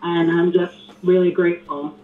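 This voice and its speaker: A woman calls in to a radio show. Her voice sits low for a woman, soft and earnest, with many pauses. She comes through a thin, tinny phone line with faint hiss. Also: little pitch movement. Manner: soft-spoken, earnest, halting. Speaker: caller. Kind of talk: call-in phone conversation.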